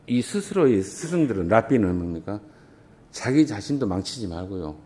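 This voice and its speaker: A middle-aged man preaches from the pulpit of a church, his voice rising and falling in wide, lively swings. He throws rhetorical questions out to the congregation and drives his points home with emphatic bursts. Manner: emphatic preaching with big swings in pitch and volume. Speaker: pastor. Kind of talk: sermon. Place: church sanctuary.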